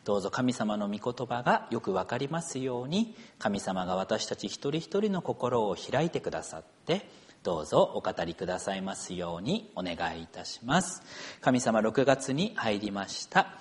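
Man, pastor, middle-aged, sermon voice, swooping pitch. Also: normal speed. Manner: gentle formal prayer, then lively storytelling sermon. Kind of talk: church prayer and sermon.

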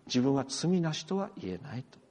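A man preaching a sermon as a pastor, animated and moving between soft, quiet passages and emphatic ones. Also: medium pitch, normal speed, big-room sound. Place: church.

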